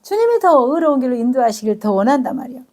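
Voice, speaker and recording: A woman pastor preaching a sermon with emotional storytelling, who reads English Bible verses slowly and explains them in Korean. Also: sits high, sing-song, a little mellow. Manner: emotional, storytelling delivery with gasps.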